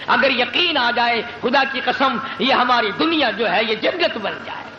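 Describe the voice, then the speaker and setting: A man's voice: extremely high pitch, expressive, pushed and bright, lo-fi sound, slight background noise. A man preaching an Islamic sermon, telling a story with emphatic repetitions and rhetorical questions.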